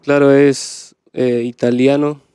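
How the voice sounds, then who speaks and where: Smooth, flat-toned young Argentine student. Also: male voice, medium pitch, slow pace, dry recording. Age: young adult. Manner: hesitant, soft-spoken. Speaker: guest, student.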